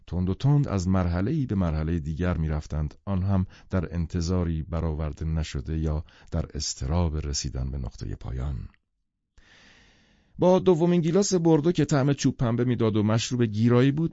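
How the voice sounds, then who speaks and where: A low-pitched male narrator reading a novel with lively, expressive intonation. His voice is dark and mellow. The dry recording sounds dull and lo-fi. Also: no echo. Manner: expressive storytelling. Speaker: audiobook narrator. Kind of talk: scripted audiobook narration.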